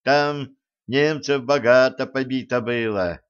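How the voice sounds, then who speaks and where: A man's voice: medium pitch, slow pace, clean tone, lo-fi sound, close to an everyday voice. A man voicing an earnest fourteen-year-old village boy in a wartime audiobook, with a thin, breaking voice and urgent delivery.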